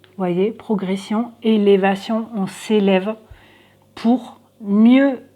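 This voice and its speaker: Slow, hesitant woman reading cards. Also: mid-range voice, steady tone, warm tone. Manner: hesitant, many fillers, thinking aloud. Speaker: tarot card reader. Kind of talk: casual card reading for viewers.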